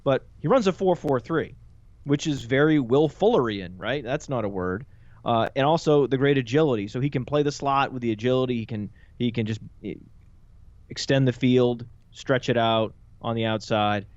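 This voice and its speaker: A man talking as a guest analyst in a casual podcast chat, playful and quick with joking asides. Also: medium pitch, darkish tone, no room sound, highs cut off. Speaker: guest fantasy football analyst.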